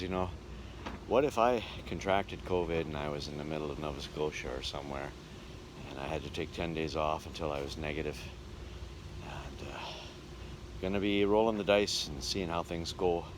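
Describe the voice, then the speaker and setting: A man with a low voice speaking at normal speed narrates a casual vlog about life as a touring musician. His talk is folksy and wry, recorded outdoors and in a vehicle amid noisy surroundings.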